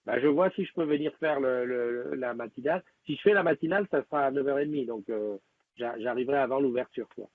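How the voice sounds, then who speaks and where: A man with a husky, slightly rough voice chats loosely with his viewers, drifting between thoughts with fillers and restarts. His voice comes through thin and tinny, like a phone line. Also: medium pitch, fast talker. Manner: rambling, with many fillers and restarts. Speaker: live-stream host. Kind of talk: casual live-stream chat with viewers.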